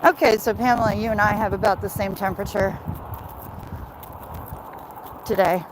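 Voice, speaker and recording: Walking outside during a livestream, a Michigan woman from the United States rambles casually and responds to viewer comments. She speaks at a moderate pace in a mid-range voice with fairly even intonation, over background noise.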